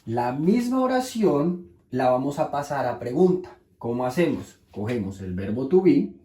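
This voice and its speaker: A man's voice: mid-range voice, big pitch swings, mellow, reverberant. Spanish-speaking man teaching English grammar. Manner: slows down to model English sentences. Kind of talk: explaining grammar at a board.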